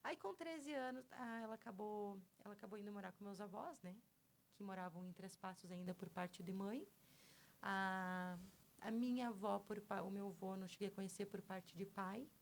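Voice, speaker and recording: A woman's voice: medium pitch, normal speed, creaky, slight background noise. A woman from Porto Alegre with a Gaúcho accent, a podcast guest telling her life story in a chatty way, often adding tag questions, close to a studio microphone. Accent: Gaúcho Portuguese. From Porto Alegre, southern Brazil. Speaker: podcast guest, personal trainer. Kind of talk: conversational storytelling.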